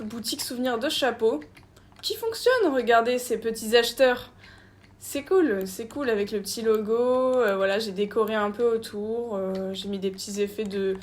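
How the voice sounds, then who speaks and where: A woman giving casual, chatty gameplay commentary while touring her park, talking straight to her viewers. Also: a little high. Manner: chatty, easygoing, talks to viewers directly.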